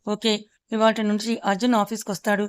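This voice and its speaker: A woman's voice: mid-range voice, flat delivery, a little fast, smooth, lightly acted. Woman voicing a stern young male boss. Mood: commanding. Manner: curt, commanding.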